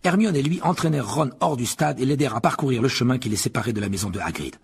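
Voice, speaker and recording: A man's voice: medium pitch, fast, vocal fry, slightly rough. A man narrating a storybook expressively as an audiobook reader. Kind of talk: scripted narration.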